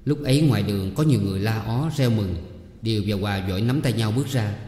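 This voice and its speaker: A man's voice: on the low side, fast, mellow. Man narrating a story in an echoey room.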